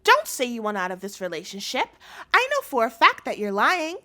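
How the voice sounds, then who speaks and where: A woman voices an obsessive chef girlfriend in a scripted audio roleplay, speaking intimately to the listener in a sweet, doting mood. Her voice is a little high and a little fast, bright and forceful, with huge pitch swings and heavy acting. She sounds sugary and coaxing, but with a threatening edge, sweet yet menacing.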